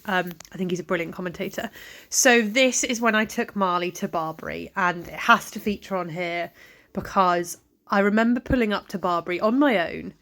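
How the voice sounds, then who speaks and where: A woman's voice: lowish voice, fairly bright tone. A woman, giving a chatty, casual voice-over about her own riding footage, with lots of ums and asides. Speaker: vlogger and event rider.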